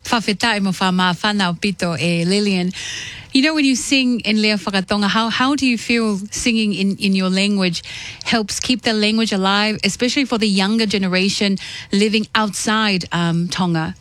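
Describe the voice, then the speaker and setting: A host asking questions in an interview, polite and mixing in Pacific island words. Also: male voice, high-pitched, moderate pace, fairly bright tone, no room sound. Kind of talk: radio interview.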